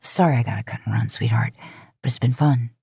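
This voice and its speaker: Woman doing rough, low-voiced flirty Dean Winchester. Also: a little fast, dark tone, no echo, studio quality, exaggerated voice. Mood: casual, apologetic.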